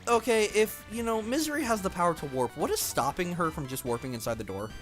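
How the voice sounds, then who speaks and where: Dude laughing along while explaining the game, voice all over the place. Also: male voice, sits high, animated, fast talker, fairly bright tone, faint music behind. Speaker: co-commentator. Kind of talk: casual game commentary.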